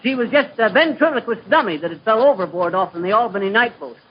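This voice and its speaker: High-voiced folksy braggart spinning tall tales, old 1930s radio comedy, hissy dull scratchy sound. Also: male voice, animated, quick pace. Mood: boastful. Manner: folksy rambling yarn-spinner, slips of the tongue. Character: boastful middle-aged man spinning tall tales.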